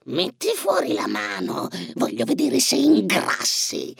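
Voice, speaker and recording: A man putting on a gravelly cackling old witch. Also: wildly swooping pitch, dry recording, clean studio sound, exaggerated voice. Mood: commanding. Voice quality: gravelly, creaky. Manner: slow, sneering, shrill swoops. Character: cackling wicked old witch, greedy and cruel. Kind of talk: storybook reading.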